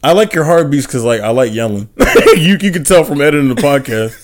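A young man co-hosting a podcast, loud and joking, swearing and laughing a lot. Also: medium pitch, expressive, brisk, very noisy. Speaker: podcast co-host. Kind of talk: casual podcast chat.

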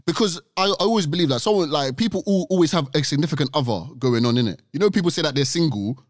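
A man's voice: a little high, animated, quick pace, no room sound, clean studio sound. A young man with a London urban accent, chatting casually on a podcast, slangy and questioning, repeating points for emphasis. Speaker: podcast co-host.

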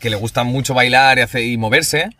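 A man's voice: mid-range voice, a little fast, sharp tone, no echo, recorded from a distance. A man chatting bluntly as a podcast co-host. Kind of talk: casual chat.

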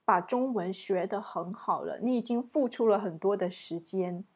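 A woman hosts a casual interview. Her pitch sits in the middle and her tone is a bit rough-edged rather than clean. She speaks in an encouraging, conversational manner. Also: normal speed, a little mellow.

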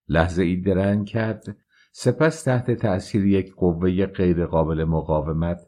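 A man narrates a novel in steady, measured tones. His voice sits very low and sounds dark and mellow. The reading is calm and unhurried throughout. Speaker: audiobook narrator. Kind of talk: scripted narration.

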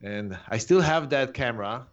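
A man's voice: mid-range voice, lively intonation, moderate pace, dull audio. A man in his forties from Poland with a strong Polish accent, a guest chatting easily in an interview and laughing often. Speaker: guest photographer. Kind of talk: casual interview chat.

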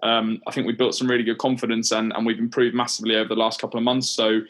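A man's voice: medium pitch, level tone, fast, fairly bright tone. A man co-hosting a podcast, talking thoughtfully and repeating words as he thinks. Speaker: podcast co-host. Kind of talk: casual sports chat.

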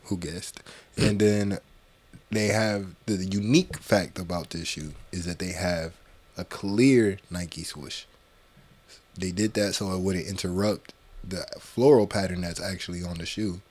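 A man with a fairly low voice co-hosts a podcast. He talks in a relaxed, joking way and swears freely. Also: measured pace. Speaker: podcast co-host. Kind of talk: casual podcast chat.

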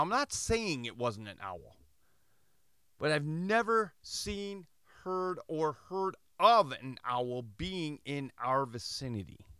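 A man's voice: mid-range voice, clear, resonant tone, dry recording. Middle-aged guy from michigan spinning a yarn on his podcast, voice jumps up and down a lot, dry close sound. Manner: animated, acts out dialogue in quoted voices. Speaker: podcast host. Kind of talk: casual storytelling monologue.

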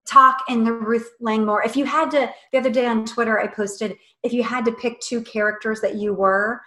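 A woman's voice: a little high, fairly even intonation, normal speed, pushed and bright. A woman guest on a podcast, chatting casually and animatedly about a book she wrote, laughing often. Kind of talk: casual chat. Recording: roomy echo.

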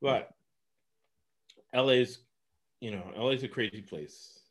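A man's voice: mid-range voice, slow, a little hiss or hum. A man from Los Angeles giving casual sports betting picks, rambling and laughing often.

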